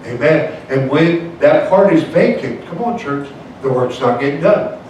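A man preaching as a pastor, punctuating his lines with "amen" and calls to the church. He swings between soft, low passages and shouted, high climaxes. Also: expressive, unhurried. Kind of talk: evangelical sermon. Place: church sanctuary, indoors. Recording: echoey church sound from far off, faint noise.

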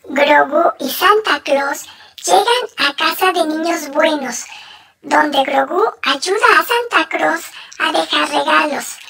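Very high childlike storybook narrator. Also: slow pace, creaky, sharp tone, distant mic. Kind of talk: scripted children's bedtime storytelling. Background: music.

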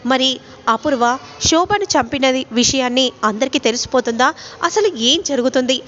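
A woman's voice: moderate pace, a bit bright. A woman retelling a TV serial episode, narrating scenes and reading out each character's dialogue. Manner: retells scenes with quoted dialogue, rising pitch in emotional lines. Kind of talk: storytelling recap of a TV serial, voicing all characters. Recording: slightly dull audio with faint noise.

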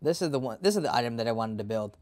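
A man streaming a team game, making relaxed, laid-back calls to a teammate and swearing casually. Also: mid-range voice, rapid-fire. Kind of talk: casual gameplay chat.

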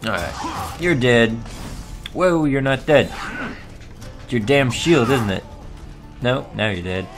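Slow-paced, gravelly man playing a video game. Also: mid-range voice, animated, faint music behind. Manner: chuckling, sweary, talks to himself. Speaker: let's play gamer. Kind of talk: casual gameplay commentary.

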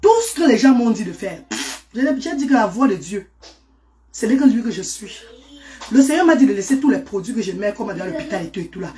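A woman's voice: medium pitch, sing-song, a little fast, warm tone. A woman talking live to her viewers in a casual stream, exclamatory and greeting people by name.

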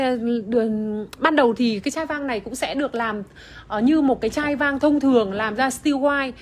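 Chatty woman presenting wine on a livestream. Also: a little high. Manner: chatty, many fillers, greets viewers by name. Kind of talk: casual livestream product demo. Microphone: phone camera, iPhone.

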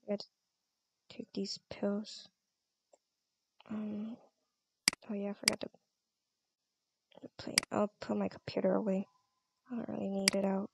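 A woman's voice: medium pitch, creaky, noisy background. A young woman playing her own character in a Minecraft role-play, talking in a stammering, giggly and flustered way into a close mic. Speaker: role-play channel host.

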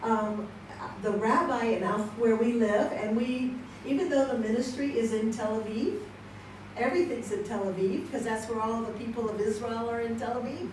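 Her voice is on the high side, slightly mellow, at normal speed: an American woman in her sixties telling personal stories to a conference audience in a church hall. Chatty, laughing often, and acting out quoted exchanges, she holds a handheld mic while seated, filmed from across the room, with distant, echoey sound and background noise.

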